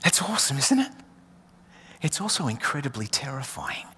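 The pastor's mid-range voice swings widely in pitch, moving at a moderate pace with a bright, forceful, slightly rough tone. English-born and Australian-accented, he preaches a sermon of emphatic refrains that at times drop close to a whisper. The recording has long hall reverb.

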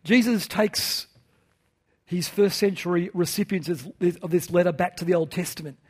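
A man with a fairly high voice preaches an evening sermon in church. He speaks earnestly and lets his phrases fall away soft and quiet at their ends. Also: moderate pace, slightly rough. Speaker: pastor.

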